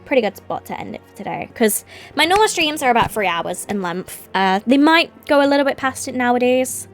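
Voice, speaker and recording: Female game streamer, highish and very animated, playful and rambling, faint music underneath. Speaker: live streamer. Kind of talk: casual chat to viewers on a game stream.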